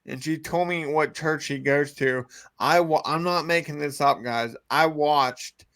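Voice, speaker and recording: Blunt joking pastor, dry close sound. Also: male voice, on the high side, measured pace, fairly bright tone, dry recording. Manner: blunt, joking, preachy asides. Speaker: pastor and podcast co-host. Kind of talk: casual faith podcast chat.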